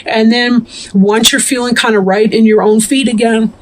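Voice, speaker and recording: A woman giving a casual tarot reading to camera, chatty and meandering, clearing her throat often and a bit short of breath. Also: on the high side, steady tone, normal speed, a little hiss or hum. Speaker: tarot reader.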